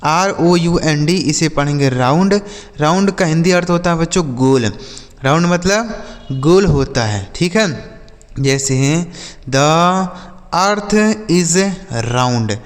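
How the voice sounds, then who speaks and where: A man teaching English words to children, spelling each word out letter by letter and repeating every example slowly. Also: on the high side, big-room sound. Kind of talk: vocabulary lesson for children.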